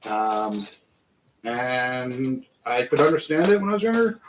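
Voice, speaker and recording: A man's voice: medium pitch, sing-song, measured pace, faint music behind, rough recording. Rambling American man livestreaming. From United States. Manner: rambling, musing aloud with rhetorical questions. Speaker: livestream host building toy bricks. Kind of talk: rambling casual chat.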